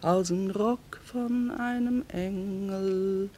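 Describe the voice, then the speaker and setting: A woman's voice: medium pitch, fairly even intonation, drawn-out words, dark tone, a little hiss or hum. An actress playing a weary, grieving mother in a radio drama. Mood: tender grief. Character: weary, grieving mother, hardened war-time trader. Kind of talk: radio drama acting with crooned lullaby.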